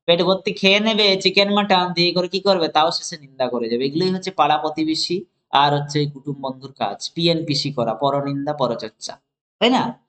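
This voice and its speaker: Higher-voiced teacher explaining a story. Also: male voice, a bit bright. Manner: keeps asking rhetorical check-in questions; reads English lines slowly, then explains them. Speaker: English teacher. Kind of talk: explaining a story line by line to students.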